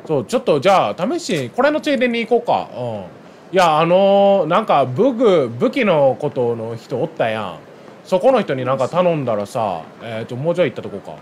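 A man's voice: a little high, darkish tone, slight background noise. A man with a Kansai accent giving casual, chatty commentary as he plays a video game, muttering to himself. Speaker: game streamer. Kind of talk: casual let's-play commentary.

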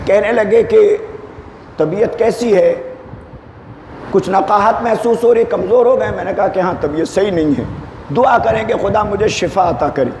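Man preaching a sermon, very high voice, rhetorical questions, shouted emphasis, long hall reverb. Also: slight background noise. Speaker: maulana giving a majlis. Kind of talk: Muharram sermon. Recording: echoey hall with faint ambience.

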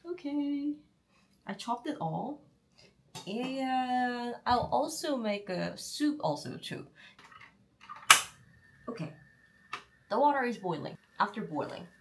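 A young woman with a Korean accent, a cooking vlogger, chats casually while cooking and eating at her home kitchen table, mixing in Korean phrases. Her voice is on the high side and animated, but she speaks slowly with long pauses, over background noise and the frying and sizzling of the pan.

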